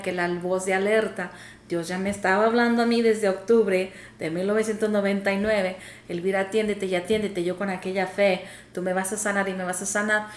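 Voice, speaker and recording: A podcast co-host earnestly shares her personal testimony in a casual faith talk, often hesitating with fillers. Her voice is mid-range, and the echoey room carries faint ambience and slight background noise.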